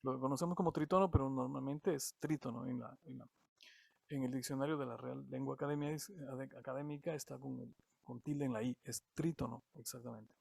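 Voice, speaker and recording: A man from Latin America giving an online music theory lesson, halting and often repeating words as he explains. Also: medium pitch, fairly even intonation, gravelly, a little mellow, husky, no room sound. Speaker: music teacher.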